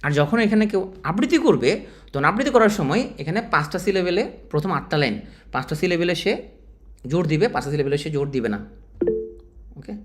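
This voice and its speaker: A man's voice: on the high side, brisk, long pauses, soft background music. A man with a Bangladeshi Bengali accent giving an informal exam-prep literature lecture, talking straight to his students. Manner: animated, informal teacher, addresses students directly. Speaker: teacher.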